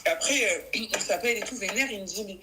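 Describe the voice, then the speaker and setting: A woman calling in to a live stream, telling about a fight in a rapid, casual way and acting out both sides of the quarrel. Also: mid-range voice, background noise. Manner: rapid storytelling, acts out the quarrel.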